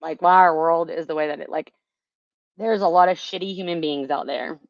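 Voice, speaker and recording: A frustrated woman vlogger rambles casually to her viewers, swearing often and padding pauses with "like." Her low voice is fairly quick, and the recording is muffled, with no echo.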